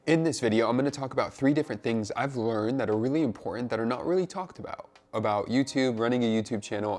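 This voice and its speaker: A YouTuber and web developer vlogs to camera from the floor of his two-bedroom California home, speaking with a medium-pitched, somewhat dark voice. He sounds a little stuffed up from a cold, yet stays upbeat, chatty, and emphatic, saying "literally" a lot.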